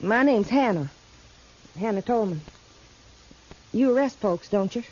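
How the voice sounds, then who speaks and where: An actress in a 1950s radio western plays a stubborn, sassy young mountain girl with an American Southern mountain accent, sounding blunt, determined, and backwoods. Her medium-pitched voice is expressive, a little slow, and darkish, close to an everyday voice. The muffled vintage radio recording carries a little hiss or hum.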